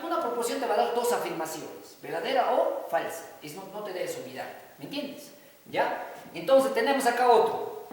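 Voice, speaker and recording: A man teaching a math lesson, repeating key points and constantly checking that the students understand. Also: high-pitched. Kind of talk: classroom lesson. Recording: echoey hall from far off.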